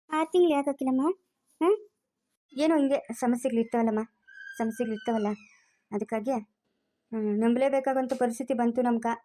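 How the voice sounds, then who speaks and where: A woman with a rural Karnataka Kannada accent, speaking in acted family drama dialogue with quick, scolding and coaxing colloquial talk. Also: on the high side, warm tone.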